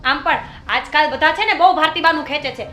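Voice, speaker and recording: A woman playing a high, sharp-tongued young sister-in-law. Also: fast, echoey room. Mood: indignant. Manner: retorting, indignant.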